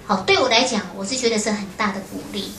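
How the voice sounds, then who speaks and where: A Buddhist nun gives a storytelling lecture to an audience. She tells her story in a lively way and often uses short filler words. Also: a little high, quick pace, a little hiss or hum. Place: lecture room at a foundation. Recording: roomy hall with faint ambience.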